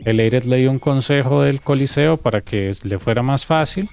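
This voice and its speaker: Costa Rican guy on a game stream, mid-pitched voice, retells drama and acts out the other people's lines. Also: moderate pace, vocal fry, smooth. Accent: Costa Rican Spanish. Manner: animated storytelling, acting out quoted dialogue. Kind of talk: casual gaming stream chat.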